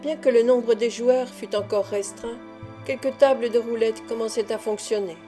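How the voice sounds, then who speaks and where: A woman narrates a classic novel in a measured, even audiobook reading. Her voice is fairly high and mellow. The delivery stays calm and steady. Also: faint music behind. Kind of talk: scripted narration.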